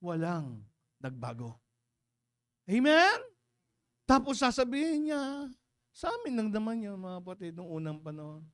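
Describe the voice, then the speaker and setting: Animated Filipino pastor preaching. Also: male voice, high-pitched, unhurried, long pauses, clear, resonant tone. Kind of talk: sermon. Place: church.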